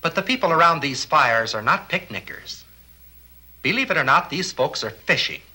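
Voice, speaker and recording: Here a male narrator with a fairly high, husky voice speaks at normal speed with lively intonation and a sharp edge. He explains documentary material earnestly from a script, frequently posing rhetorical questions, on a low-quality recording.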